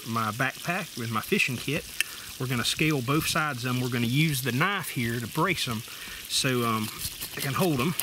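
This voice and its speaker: A middle-aged man, talking through a casual how-to while working at an outdoor camp table. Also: mid-range voice. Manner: plain, folksy, step-by-step explaining while working with his hands. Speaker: outdoor survival vlogger. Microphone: camera mounted overhead. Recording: water pump noise in background.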